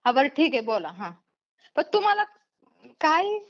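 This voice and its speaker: On a casual phone call, a woman YouTuber being pranked talks bluntly and asks plenty of questions in a Maharashtrian accent. Her high voice is very animated at a moderate pace, heard through a dull, lo-fi phone line.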